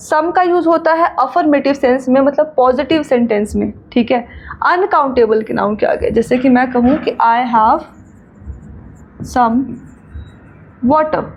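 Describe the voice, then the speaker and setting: An Indian woman with a high-pitched, darkish voice teaches grammar, slowly reading the rules in English before explaining them in Hindi and asking checking questions. The recording quality is low.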